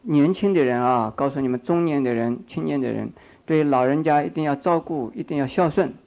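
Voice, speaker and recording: Speaking a little fast with vocal fry and a fairly high pitch, this older male monk preaches Buddhism, repeating phrases and questioning his audience to draw them in. It's captured on a dull, lo-fi recording.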